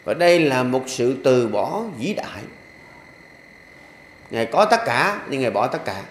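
A man's voice: medium pitch, sing-song, measured pace, slight background noise. A man, a Buddhist monk, giving a dharma talk to lay followers in a folksy, repetitive way with humorous asides. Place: temple hall. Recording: echoey hall with faint ambience.

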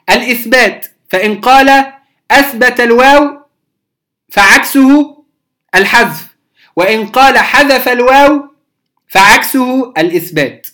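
A teacher giving a beginner lesson on Quranic readings, patiently repeating key terms, pausing with the odd hesitation and often asking whether it is clear. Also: medium pitch, sharp tone. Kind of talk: beginner lesson explaining rules.

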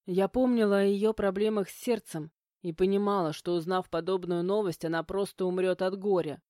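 A woman's voice: mid-range voice, fairly even intonation, moderate pace, dark tone, dry recording. A young woman reading a first-person audiobook with emotional, dramatic narration on a close mic.

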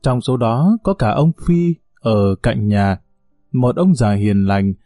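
Warm-voiced male story narrator. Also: dry recording, faint music behind. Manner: measured storytelling, lively pitch. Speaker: audiobook narrator. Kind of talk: scripted narration of short stories.

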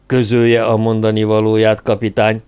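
A man voicing a calm, composed, weary male imperial commissioner. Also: lowish voice, clear, resonant tone, natural voice. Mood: commanding. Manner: mild and composed. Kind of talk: audiobook character voice.

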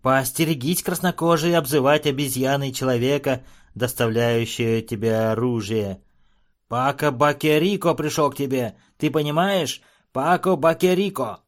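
Man doing a shrill, shivering little dwarf. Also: normal speed, natural voice. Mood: shrill, indignant. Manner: shrill, bleating, exclaiming. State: trembling with cold. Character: shivering, whining little male dwarf gun trader. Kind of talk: audiobook character voice.

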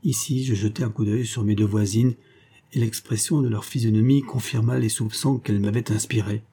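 A man narrates an old comic tale as an audiobook. His voice sits low and sounds soft and slightly husky. He lifts his pitch for the quoted lines of the characters. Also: fairly even intonation, brisk. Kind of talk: audiobook reading of a classic story.

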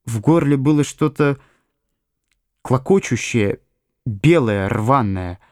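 Measured male audiobook narrator, dry sound. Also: mid-range voice, animated, a little mellow, no echo. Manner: measured, dramatic first-person storytelling. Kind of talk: audiobook reading.

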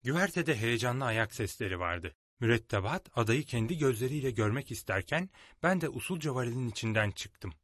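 Lively, expressive male storyteller. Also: mid-range voice, dry recording, clean studio sound. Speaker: narrator. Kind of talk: storybook read-aloud.

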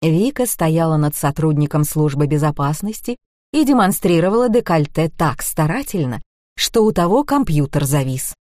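A woman narrating an audiobook in a lively, expressive reading. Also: deep voice, normal speed, no echo, clean studio sound.

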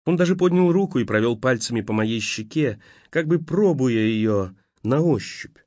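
A man narrating an audiobook in a steady storytelling manner. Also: medium pitch, normal speed, no room sound. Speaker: audiobook reader. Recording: dull lo-fi dry recording.

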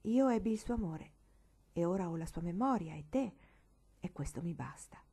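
A woman voicing a gentle, loving widowed mother in a storybook reading, speaking softly and tenderly. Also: medium pitch, animated, normal speed. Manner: soft and tender, amused then hushed.

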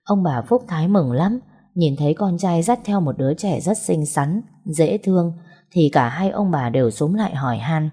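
A woman narrating an audiobook novel in a steady storytelling manner. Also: low-pitched, normal speed, breathy edge.

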